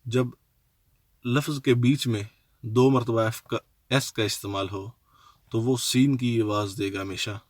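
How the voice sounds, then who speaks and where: Speaking a little slowly in a steady, mid-range voice, this language teacher runs a casual home-made tutorial on his own channel. He spells letters out patiently one by one, often restarting and using fillers, and the recording has no room sound.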